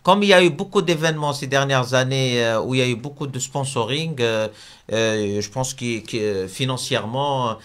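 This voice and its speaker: A man from Algeria, speaking as a guest in a debate interview. He talks haltingly, with many fillers and restarts. His voice sits at an everyday pitch for a man. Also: fairly bright tone. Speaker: business leader guest.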